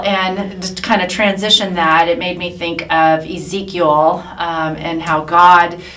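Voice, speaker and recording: Lower-voiced reflective woman, roomy far-off sound. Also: a bit bright. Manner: reflective and affirming, leading the discussion. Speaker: co-host. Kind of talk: faith talk show discussion with scripture reading. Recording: roomy sound from a distant mic.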